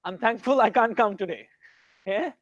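A man's voice: high-pitched, normal speed, no room sound, dull audio. A man with an Indian accent teaching an English grammar class. He switches between English and Hindi and quizzes students by name.

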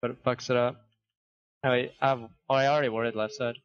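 A man's voice: medium pitch, fairly even intonation, fast talker, smooth. A young man chatting casually while playing a video game, laughing often and swearing freely. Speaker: gamer. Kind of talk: casual gaming chat. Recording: dull lo-fi stream audio.

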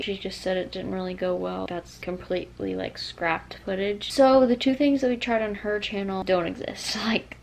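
A woman's voice: mid-range voice, gravelly, slight background noise, low-quality recording. A young woman vlogger with a lisp from wearing a retainer, chatting casually to the camera. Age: young adult. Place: small bedroom, indoors. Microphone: camera held at arm's length.

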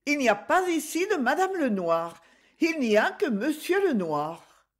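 A woman's voice: high voice, very animated, unhurried, voice pushed up. A woman voicing a young maid who answers the door with polite formality. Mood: prim polite.

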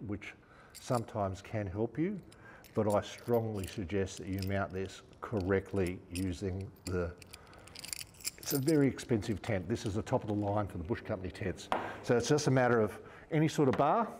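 An outdoor gear store presenter, an Australian man in his fifties, talks casually as he demonstrates equipment hands-on inside a large showroom. His voice is lowish and a little mellow, and the recording carries a long reverb tail plus a slight hiss or hum.

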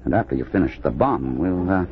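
A very deep-voiced, menacing male hunter speaks with smug, measured threat. His delivery swings expressively in old-fashioned radio drama style. The recording is dull and vintage. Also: lively intonation. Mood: cold menace. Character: cold, menacing male agent hunting runaways from the future. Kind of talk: 1950s radio drama acting.

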